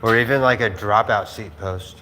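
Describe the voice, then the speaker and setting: Casual male streamer, lowish voice, rambling storyteller, reverberant room, faint hiss. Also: moderate pace, sharp tone. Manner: rambling, laughing storyteller with many fillers. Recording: roomy space with faint noise.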